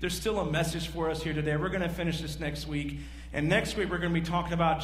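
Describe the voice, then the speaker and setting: A man in his forties, a pastor preaching a sermon to his congregation and asking them questions as he moves around a large church stage. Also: fairly high pitch. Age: 40s. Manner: animated, pacing the stage and gesturing. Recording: echoey hall, faint hum.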